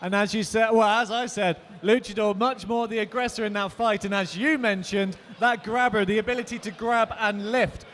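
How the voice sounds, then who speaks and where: A man's voice: sits high, steady tone, moderate pace, few pauses, fairly bright tone. A British man commentating live on a robot combat tournament and calling competitors to the ready tables. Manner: announcing calls to the ready tables.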